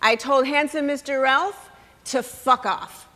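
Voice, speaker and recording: A woman's voice: high-pitched, slow, sharp tone, big-room sound, heavily acted. A woman playing a tipsy grown daughter who is blunt, sardonic and cold toward her mother in a stage play. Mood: bitter. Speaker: actor.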